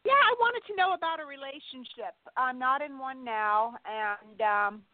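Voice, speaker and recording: A woman's voice: sits high, lively intonation, moderate pace. A woman in her sixties from California, calling in to a radio show over the phone, chatty and easygoing. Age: 60s. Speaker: caller. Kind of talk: call-in radio chat. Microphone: telephone. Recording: tinny dry phone line.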